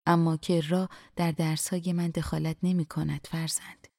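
A woman voicing a kind older male scholar who speaks softly and with measured affection in an audiobook reading. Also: a little high, flat delivery, vocal fry, no echo, clean studio sound. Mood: calm.

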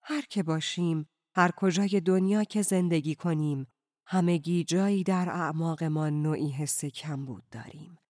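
A measured, calm narrator reading a novel aloud, sometimes sinking into a near whisper. The voice sits in a middle register and is recorded close and dry. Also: medium pitch, dry recording. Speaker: audiobook narrator. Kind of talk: scripted narration.

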